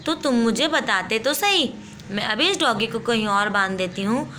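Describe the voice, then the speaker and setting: Strict older-sister tutor for a doll story, played by a woman, bright and firm. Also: a little high, lively intonation, normal speed, slight background noise. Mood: scolding. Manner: scolding, firm and instructive. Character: strict young female tutor, bossy older sister type. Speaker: storyteller voicing dolls. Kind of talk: doll play story acting.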